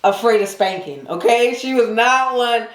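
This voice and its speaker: A woman's voice: fairly high pitch, moderate pace. A woman, a guest on the show, speaking in a frank and emphatic way during a casual conversation. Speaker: guest, adult daughter. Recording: echoey room.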